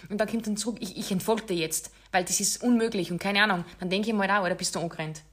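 A woman's voice: medium pitch, steady tone, quick pace, fairly bright tone. A woman hosting a casual podcast chat, talking in an emphatic, direct way. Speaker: podcast host.

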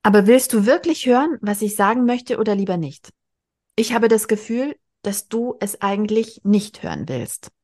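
A woman's voice: medium pitch, animated, moderate pace, a little mellow, close to an everyday voice. A woman reading aloud as a worried middle-aged mother speaking earnestly and dryly to her daughter. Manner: earnest, dry.

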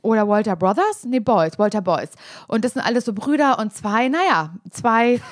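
Young woman rambling on a podcast, kinda high voice, dry close mic, laughs at herself a lot. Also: expressive, moderate pace, dry recording. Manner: chatty, self-mocking, rambling with restarts. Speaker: podcast co-host. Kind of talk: casual chat.

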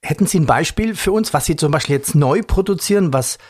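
A man interviewing a company executive, asking direct questions and listing topics briskly. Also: on the high side, lively intonation, breathy edge, dry recording, studio quality. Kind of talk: business interview.

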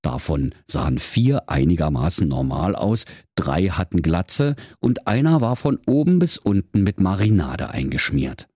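A man narrates a comic fairy tale in a mock-solemn storybook tone. His voice is low and husky, with a very wide swing of pitch. The sound is close and dry. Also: sing-song, measured pace, hardly any pauses, darkish tone, no room sound.

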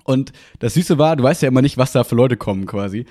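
A man hosting a casual podcast chat, telling a story with energy. His voice sits in an ordinary middle pitch. He acts out what others said as he goes. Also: fast. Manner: animated anecdote telling, acting out quoted dialogue. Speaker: podcast host.

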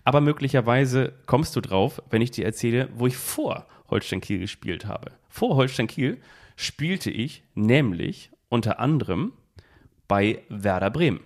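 A man's voice: mid-range voice, expressive, unhurried. Man posing football riddles in first person. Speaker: podcast host. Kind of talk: casual football quiz chat. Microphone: phone held close to a device.

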